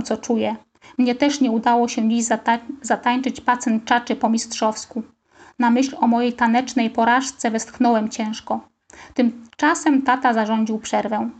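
A woman narrating a children's story in first person, with a lively, expressive reading. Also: a little high. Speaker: audiobook reader.

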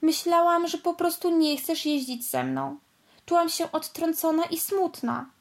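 A woman voicing a tearful little girl race car in a storybook, high and breaking with sobs. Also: fairly even intonation, measured pace, vocal fry, exaggerated voice. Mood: hesitant. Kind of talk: storybook read-aloud.

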